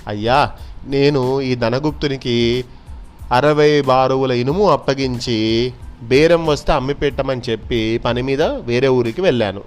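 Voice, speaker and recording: A man's voice: mid-range voice, measured pace, soft background music, close to an everyday voice. A man voicing a sorrowful merchant who earnestly pleads and explains, in a children's story. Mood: explaining.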